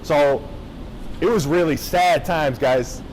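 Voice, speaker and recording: A young Japanese motivational speaker shares his story with high schoolers in their gathering space, speaking slowly in a slightly high voice. He's casual and engaging, frequently checking the students are following, while faint background noise sits under the poor-quality audio.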